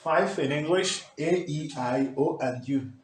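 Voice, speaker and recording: Speaking a little slowly in a fairly high voice, a man leads a language lesson in front of a whiteboard in a small room. He is emphatic and checks in with "okay?". A camera picks him up at close range, and the recording has echo and faint background hiss.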